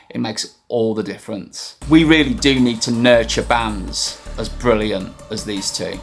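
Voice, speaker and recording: A man reads a scripted album review for his vlog in a voice of middling pitch, keen and a little wry as he goes. His manner stays conversational, and faint music plays softly behind him.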